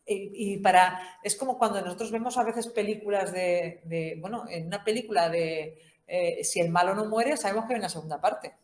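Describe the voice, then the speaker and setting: A woman's voice: medium pitch, normal speed, hardly any pauses. A woman with a Spain Spanish accent giving an informal Bible course talk, conversational and humorous, often tagging her sentences with questions. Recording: roomy echo.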